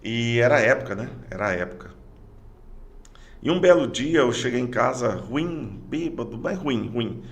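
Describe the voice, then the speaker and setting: Gravelly middle-aged Brazilian man, halting. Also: mid-range voice, animated. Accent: Brazilian Portuguese. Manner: halting, repeats words and restarts phrases. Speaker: podcast guest, police sergeant. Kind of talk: personal testimony in casual conversation.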